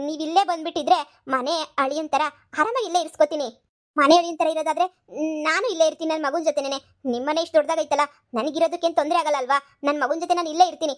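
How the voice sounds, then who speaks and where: A woman voicing a shrill, scolding mother-in-law. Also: lightly acted. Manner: scolding, taunting. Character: scheming, sharp-tongued middle-aged mother-in-law. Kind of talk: cartoon comedy voice acting.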